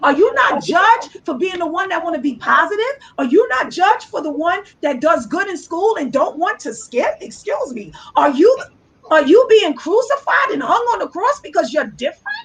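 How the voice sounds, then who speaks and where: A woman's voice: extremely high pitch, very animated, moderate pace, poor audio. A woman guest speaker giving a fervent, preacher-like motivational talk full of rhetorical questions, over a video call.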